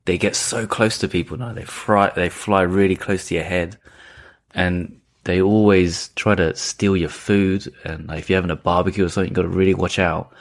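A man in casual conversation, relaxed and chatty as he trades stories with a friend. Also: low voice, moderate pace. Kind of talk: casual chat.

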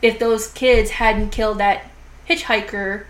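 A woman hosts a laid-back podcast reviewing horror films, chatting freely and peppering her speech with "like" and "you know." Her jaw is sore, so she talks a bit slowly, in a mid-range voice with little pitch movement, and the audio quality is poor.

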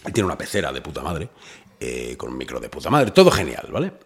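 Man, podcast guest, animated storyteller, wildly swinging pitch. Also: fast talker. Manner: loud, animated storyteller with swearing and laughs. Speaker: rapper guest. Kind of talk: casual podcast interview.

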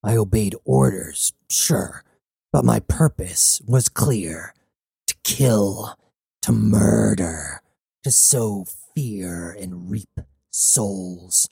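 A man voicing a hulking male cyborg captain, a menacing former mercenary with a gravelly, growling voice. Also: on the low side, mellow, dry recording, full character voice. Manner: slow, grim and threatening. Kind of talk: audiobook character voice.

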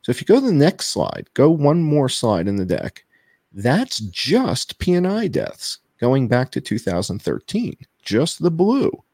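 A man's voice: medium pitch, huge pitch swings, a little slow, vocal fry, darkish tone, slightly rough, no room sound, clean studio sound. A man speaking over a video call as an interview guest, walking through data slides and repeating his main points for emphasis. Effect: heard over a video call. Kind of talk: explanatory interview talk.

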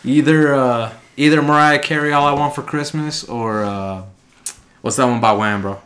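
Young male podcast co-host, average pitch, laid-back and slangy bro-style conversation. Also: moderate pace, a bit bright. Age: young adult. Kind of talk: casual chat.

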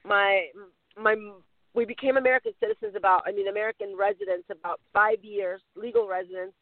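Man from Mexico, high voice, earnest interview guest who keeps rephrasing; thin phone-line sound, dry. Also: lively intonation, brisk, gravelly, no room sound. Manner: earnest, circling back to rephrase. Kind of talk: conversational interview answers.

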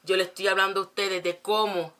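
A woman's voice: mid-range voice, flat delivery, fairly quick, sharp tone. A woman preacher, preaching fervently with rhetorical questions and repeated phrases. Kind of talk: preaching to a congregation.

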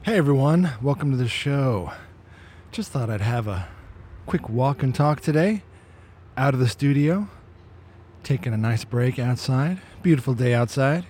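A man's voice: mid-range voice, lively intonation, unhurried, a little mellow, slight background noise. A man hosting a casual walk-and-talk podcast outdoors, talking in an opinionated, conversational way and often repeating words as he restarts. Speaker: podcast host.

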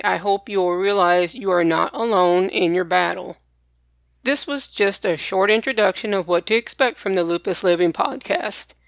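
A woman presents a podcast in a mid-pitched voice. She talks plainly and directly to her listeners, as if from prepared notes. The sound is close and dry, with very little room. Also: no echo. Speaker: podcast host. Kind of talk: personal podcast talk to listeners, partly scripted.

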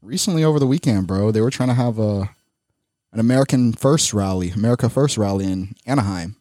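Low-voiced, slangy bro-style male podcaster. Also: fast talker, dark tone, dry recording, studio quality. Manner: slangy bro talk, punctuated with "bro" and swearing. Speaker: podcast co-host. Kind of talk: casual sports podcast chat.

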